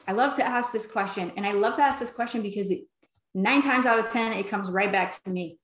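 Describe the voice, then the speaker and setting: A woman's voice: mid-range voice, a little fast, a bit bright, reverberant. A woman giving an upbeat sales training talk, chatting casually and acting out both sides of sample conversations. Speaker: network marketing trainer.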